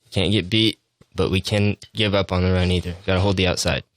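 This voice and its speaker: A man's voice: deep voice, steady tone, fairly quick, no echo. A young man, a football player, giving casual answers in a sports interview.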